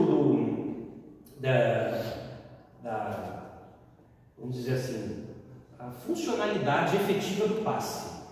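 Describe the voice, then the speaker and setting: A man's voice: fairly high pitch, darkish tone. A man giving a spiritist lecture, telling stories and tagging lines with "né?". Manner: frequent "né?" tags, acts out voices in stories. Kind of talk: religious lecture with storytelling. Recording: echoey hall from far off, faint noise.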